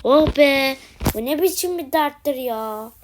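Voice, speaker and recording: A woman's voice: high voice, expressive, measured pace, a little hiss or hum. A woman commentating her own mobile game, exasperated, exclaiming and pleading at the screen. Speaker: gaming video host.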